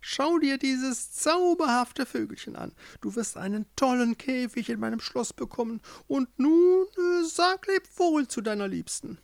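A man voicing a wicked female owl witch in a fairy tale, with a shrill cackling manner. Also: animated, a little slow, vocal fry, few pauses, dry recording, heavily acted. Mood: mocking.

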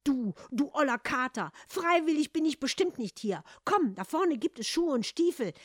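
A woman's voice: high-pitched, lively intonation, moderate pace, dry recording, clean studio sound, voice pushed up. A woman voicing a poor, embarrassed young man who grumbles and protests, in a read-aloud fairy tale. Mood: grumbling.

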